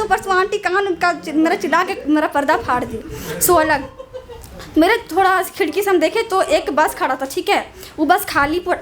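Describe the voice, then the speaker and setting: A woman's voice: very high voice, fairly bright tone. A young woman, doing stand-up storytelling, then reciting a solemn poem on a small stage. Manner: chatty, laughing through the story, then slow and solemn in the poem. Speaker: stand-up comic and poet.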